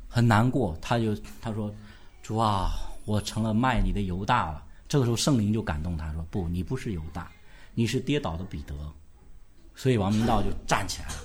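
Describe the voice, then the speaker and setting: A male pastor preaching a sermon, throwing questions at the congregation in a lively, animated way. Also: medium pitch, husky.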